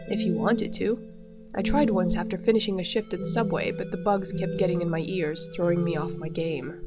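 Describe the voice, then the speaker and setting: A woman with a sick voice doing casual let's play commentary, reading game text aloud and swearing freely in wry asides. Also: mid-range voice. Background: game music.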